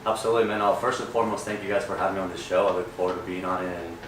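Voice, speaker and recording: A young adult man from Peru, appearing as a real estate agent guest, reflects earnestly on his story in a casual interview. His voice is low-pitched and very fast with little pitch movement. The audio is noisy and echoey, and he is far from the mic.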